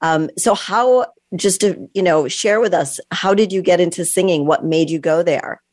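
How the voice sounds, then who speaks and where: A woman hosting an interview with a sometimes raspy voice, chatting in a friendly, relatable way. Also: on the low side, normal speed, a little mellow, dry recording, clean studio sound. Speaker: podcast host. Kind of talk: casual interview.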